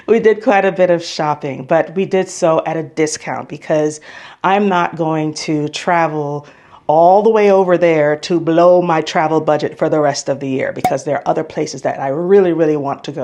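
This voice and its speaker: An American travel vlogger with a low-sitting, slightly mellow voice talks casually for her vlog. She's chatty and opinionated, driving points home by repeating herself.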